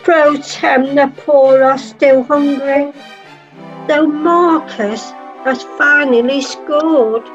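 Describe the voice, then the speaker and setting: A woman playing a storybook pantomime narrator, reciting measured verse. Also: high-pitched, fairly even intonation, dull audio, soft background music. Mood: wry, measured.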